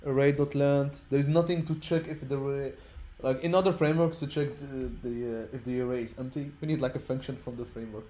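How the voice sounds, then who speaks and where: Speaking English as a third language, this programming instructor explains things step by step in an informal way, repeating words and making sure listeners keep up. His mid-range voice is steady and mellow, a little fast with few pauses.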